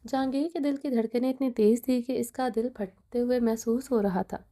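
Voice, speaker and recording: A woman reading a romantic novel aloud as narrator, in a steady, expressive storytelling style. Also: fairly high pitch. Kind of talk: scripted narration.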